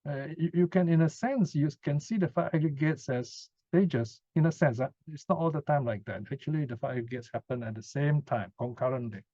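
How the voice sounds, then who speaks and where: Brisk and barely pausing, a man with a slightly high but dark-toned voice delivers an informal Buddhist talk and answers questions, conversational and often using short tag questions. The sound is dry with no echo, dull and lo-fi.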